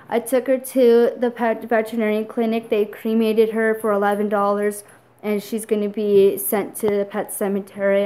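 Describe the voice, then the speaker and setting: A woman's voice: mid-range voice, darkish tone, poor audio. A young adult woman vlogging casually, tearful and rambling, with lots of fillers as she tells a story.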